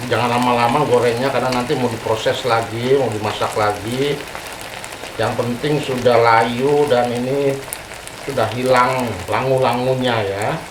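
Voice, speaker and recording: A man's voice: mid-range voice, echoey room, noisy background. A man with an Indonesian accent hosting a home cooking tutorial in his kitchen, chatty and friendly, tacking "ya" onto his phrases. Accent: Indonesian, with Sundanese terms. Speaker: cooking channel host. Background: frying and sizzling.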